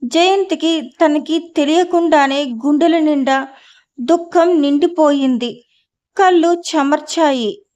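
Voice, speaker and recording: Woman narrator, high voice, slow measured novel reading, dull lo-fi sound. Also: darkish tone. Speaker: audiobook narrator. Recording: dull lo-fi audio.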